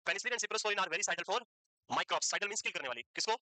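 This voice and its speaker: A teacher giving a pharmacology lecture, asking the class quick questions, answering them, and repeating key terms slowly for note-taking. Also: medium pitch, lively intonation, sharp tone, no echo, low-quality recording. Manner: quizzing students with quick questions, then answering. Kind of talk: classroom lecture mixing Hindi and English.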